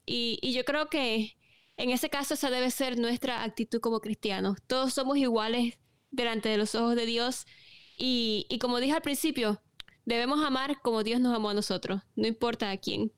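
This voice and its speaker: A woman talks through a faith topic in a reflective, unhurried way, stopping and restarting her thoughts. Her voice sits a little high and comes across smooth and clear, recorded dry and close. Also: dry recording. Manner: reflective, with frequent restarts and pauses. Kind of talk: casual faith discussion.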